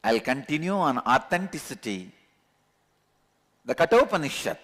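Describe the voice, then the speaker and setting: Very animated at normal speed, a man with a medium-pitched, fairly bright voice and a Tamil accent gives an earnest spiritual discourse as a teacher. He repeats key words for emphasis, and the large satsang hall lends a long reverb.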